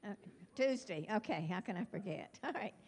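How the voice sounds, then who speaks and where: In a chapel hall, an older woman who is retiring as neighborhood representative introduces new residents at a meeting. Her mid-range voice is expressive and slightly rough at a moderate pace, and she's warm, giggly, scattered and self-deprecating, laughing often and losing her place.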